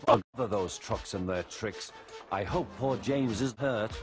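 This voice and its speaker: A male storyteller voicing an eager little tank engine that puffs along, talking quickly and brightly. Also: on the low side, over loud music.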